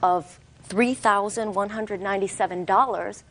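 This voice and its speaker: A woman's voice: medium pitch, steady tone, moderate pace, a bit bright. An American woman arguing her side defensively as a litigant in a TV court.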